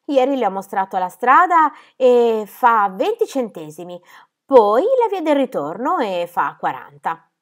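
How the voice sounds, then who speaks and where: A woman's voice: on the high side, big pitch swings, unhurried, voice pushed up. A woman voicing a bold, ragged street boy. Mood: cheeky.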